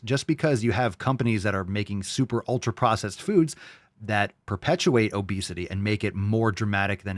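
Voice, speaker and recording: A man's voice: lowish voice, no echo. Smug, sarcastic man, close dry sound. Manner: blunt, profane. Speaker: host of a reaction commentary. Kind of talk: off-the-cuff reaction commentary.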